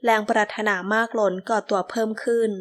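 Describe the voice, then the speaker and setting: A woman giving scripted, measured narration of a romance novel. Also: on the high side. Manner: measured, steady storytelling. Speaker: audiobook narrator.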